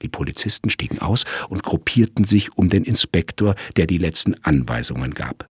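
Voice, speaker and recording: A man reads a crime story aloud in a lively storytelling manner. His voice is low and very husky, and his pitch moves a lot. The sound is dry and close. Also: normal speed, no room sound. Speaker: narrator. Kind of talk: audiobook narration of a crime story.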